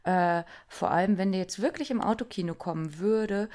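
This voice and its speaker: A woman co-hosts a podcast in a casual, chatty way, often laughing and using fillers. Her voice is medium-pitched and a little mellow, at a moderate pace.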